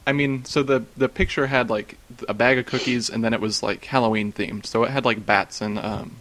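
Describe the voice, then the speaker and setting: A man's voice: mid-range voice, fairly even intonation, fairly quick, fairly bright tone. A man in casual chat, recounting strange dreams and often breaking into laughter. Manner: laughs often while telling, many fillers.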